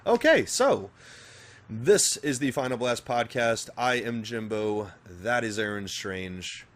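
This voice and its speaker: A man from Northern Virginia with a general American accent co-hosts a casual podcast, joking crudely and swearing with his co-host in an animated way. His mid-range voice moves at a slow pace.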